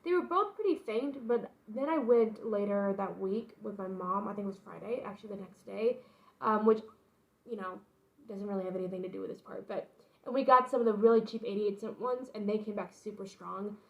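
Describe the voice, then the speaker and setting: A woman's voice: mid-range voice, a little fast, gravelly, low-quality recording. A young adult woman vlogging casually about her pregnancy announcement, telling the story in a rambling, informal way with frequent asides. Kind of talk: casual personal storytelling to camera.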